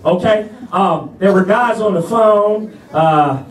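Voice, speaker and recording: High-voiced guy doing a chatty stand-up story, kinda far from the mic. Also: slow, echoey room, slight background noise. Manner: laid-back, chatty, asks the crowd "you know what I'm saying". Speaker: stand-up comedian. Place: comedy club stage.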